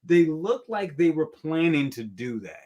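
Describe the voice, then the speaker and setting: A man's voice: fairly high pitch, very animated, measured pace, mellow. Opinionated man in casual chat. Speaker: guest toy reviewer.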